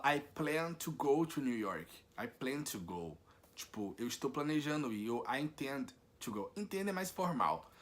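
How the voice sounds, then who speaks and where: A man's voice: mid-range voice, a bit bright. A Brazilian man with a Brazilian Portuguese accent, casually explaining English mistakes step by step in a vlog, with many fillers. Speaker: vlogger teaching English.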